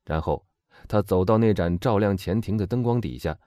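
Guy reading a novel aloud, mellow low voice, lots of expression, no room echo. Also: clean studio sound. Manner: measured, expressive storytelling. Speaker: audiobook narrator. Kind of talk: scripted narration.

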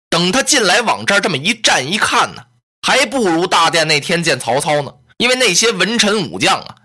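A man performing a traditional Chinese oral story in a lively, dramatic way, giving each character a voice. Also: high-pitched, breathy edge.

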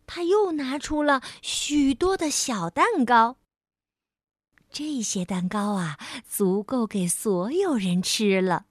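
A woman reads a children's story, speaking tenderly to the young listener. Her voice sits fairly high and moves animatedly, taken at a slow, gentle pace. The close recording is dry. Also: no echo. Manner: warmly addressing the child, expressive. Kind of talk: bedtime story and poem reading for children.

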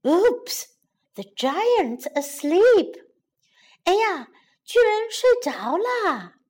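An eager, cheeky young boy from a children's storybook, as a woman narrator puts him on. His voice is high and bouncy, rising and falling with excitement. He speaks slowly and clearly. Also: heavily acted. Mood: excited.

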